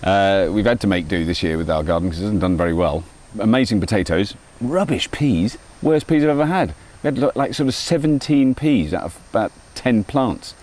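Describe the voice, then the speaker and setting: A middle-aged man with a lowish voice rambles through a casual, self-mocking vlog monologue from his garden outdoors. He talks briskly in a chatty, animated way, and the audio quality is poor.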